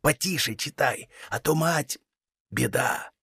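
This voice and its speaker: A man reading an audiobook, voicing a stern, gruff old Cossack father who gives commands in a low, hushed voice. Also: sing-song, moderate pace, dry recording, studio quality. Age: older.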